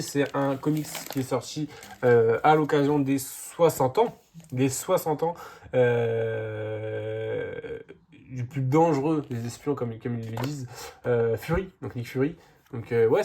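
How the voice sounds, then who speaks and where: A man with a medium-pitched, dark voice records a casual comics haul video while fighting a cold, sounding congested and slightly hoarse from a sore throat. He hesitates constantly, with lots of "euh" and restarts, over a slight hiss or hum.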